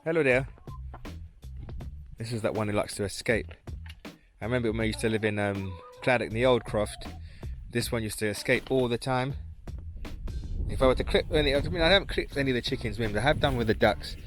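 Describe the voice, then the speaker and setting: A man's voice: medium pitch, fairly quick, long pauses, fairly bright tone, soft background music. A man giving a rambling, casual vlog tour of his croft outdoors, talking to a handheld camera. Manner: chatty, rambling, self-correcting. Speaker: crofter vlogger. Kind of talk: casual vlog walk-around.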